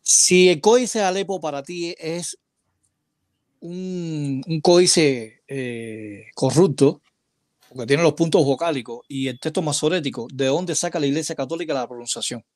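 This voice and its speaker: Un hombre de voz algo aguda que debate por videollamada, en una grabación seca y sin eco. Plantea sus preguntas con calma y titubea con muletillas. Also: male voice, fairly high pitch, no room sound. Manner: questioning, measured, with hesitant fillers. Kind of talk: religious debate.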